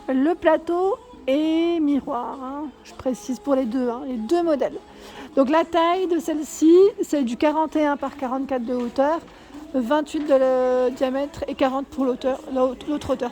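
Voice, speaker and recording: A woman vlogging a walk through a furniture store, reading out prices and sizes one by one and correcting herself now and then. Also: high voice. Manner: reads out prices and sizes in a steady list, with small self-corrections. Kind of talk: casual store walkthrough vlog.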